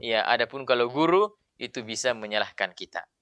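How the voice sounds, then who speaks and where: A man's voice: mid-range voice, lively intonation, a little fast, fairly bright tone, smooth, no room sound. A man teaching Quran pronunciation, patiently explaining and drilling letter sounds aloud. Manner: patient, explanatory, many filler "ya". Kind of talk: tajwid pronunciation lesson.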